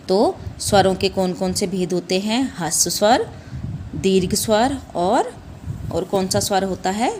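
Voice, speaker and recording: A young woman teaches Hindi to a primary school class, patiently repeating "ठीक है," asking questions back, calling the children "बेटा" and "बच्चों," and drawing out sounds as she demonstrates them. Her voice is mid-range, with slight background noise.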